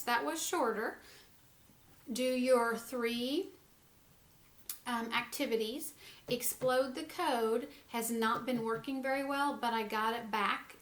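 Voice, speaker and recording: A woman's voice: on the high side, a bit bright, reverberant. A middle-aged woman teaching a phonics lesson to young children from home, patiently sounding out letters and syllables.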